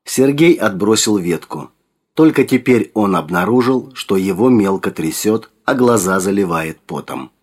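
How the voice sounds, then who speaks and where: A male narrator reads a story aloud with a low voice. His delivery is steady and measured, like a practiced audiobook reader. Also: slightly rough. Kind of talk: scripted narration.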